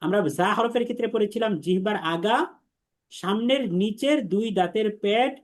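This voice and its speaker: Patient male Arabic-letters teacher. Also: high-pitched. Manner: patient, repeats letter sounds slowly and drills the class. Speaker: Quran teacher. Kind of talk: online class instruction.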